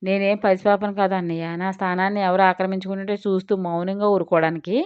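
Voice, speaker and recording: A woman's voice: mid-range voice, little pitch movement, quick pace, clean tone, muffled recording, close to an everyday voice. A woman voicing a spoiled, jealous young woman who answers back with sulky, biting retorts. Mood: resentful.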